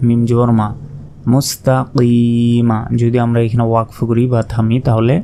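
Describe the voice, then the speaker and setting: A man teaching recitation, spelling out each syllable slowly and then reciting with long drawn-out vowels. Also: medium pitch, monotone, warm tone, slight background noise. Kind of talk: slow spelled-out pronunciation lesson.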